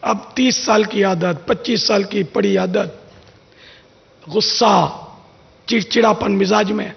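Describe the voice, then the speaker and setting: Male preacher, high voice with heavy fry, chatty storytelling delivery, reverberant lo-fi sound. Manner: anecdotal, conversational, acts out quoted lines. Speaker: religious scholar giving advice. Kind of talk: informal religious talk. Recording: dull lo-fi sound with long reverb.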